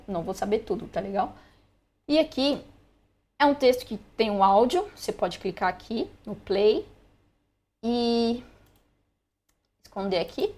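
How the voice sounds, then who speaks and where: A young woman with a Brazilian Portuguese accent, chatting casually as she walks through a screen-recorded lesson with frequent asides. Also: medium pitch. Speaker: language learner sharing study tips.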